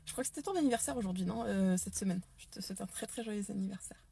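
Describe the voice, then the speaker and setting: Speaking fast in a mid-range voice that's creaky and mellow with a breathy edge, this French-speaking dance and neurotraining teacher chats on a casual Facebook live. She's eager yet unsure, often using fillers and starting sentences over.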